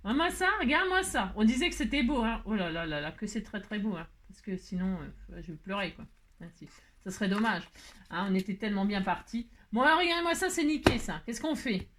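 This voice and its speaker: A woman's voice: mid-range voice, animated, brisk, fairly bright tone. A woman hosting a casual card-making tutorial, chatting and joking as she works, with lots of "hein" asides and mock exasperation. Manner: theatrical self-mocking exasperation. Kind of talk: casual crafting tutorial chat.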